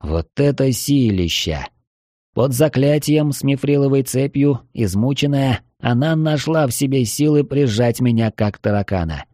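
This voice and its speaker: A man narrating a fantasy audiobook in an even, measured way. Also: mid-range voice, no echo, studio quality. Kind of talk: scripted narration.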